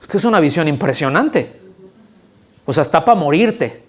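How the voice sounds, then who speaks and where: Male pastor, slightly high pitch; animated conversational sermon full of rhetorical questions to the congregation. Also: normal speed. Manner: animated, conversational preaching with frequent rhetorical check-ins. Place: church sanctuary.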